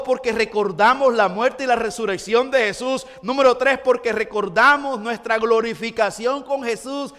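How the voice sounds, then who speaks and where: A man preaching a sermon as pastor, moving between hushed storytelling and rising emphatic passages. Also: very high-pitched, long reverb tail. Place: church sanctuary.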